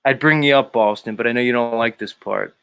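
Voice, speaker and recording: A man's voice: medium pitch, a little fast, gravelly, fairly bright tone, clean tone, dry recording. Crude, mocking male streamer. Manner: crude, mocking, laughs often. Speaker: streamer host. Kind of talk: casual livestream chat.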